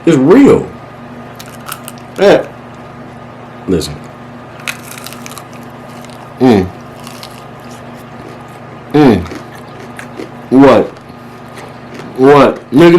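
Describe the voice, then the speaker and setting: A man talks casually as he eats, his pitch swinging freely from line to line. He is playful and exaggerated, full of slang and swearing. Light background noise sits behind his voice. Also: very animated, slow, long pauses, darkish tone, low-quality recording. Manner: talks while eating. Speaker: vlogger hosting a mukbang. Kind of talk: casual, profane eating-show chat.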